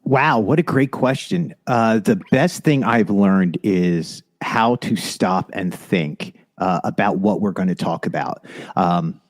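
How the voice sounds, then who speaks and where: A man co-hosting a podcast, speaking earnestly in casual chat, pausing to collect his thoughts. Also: on the low side. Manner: earnest, thoughtful, a little halting. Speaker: podcast co-host.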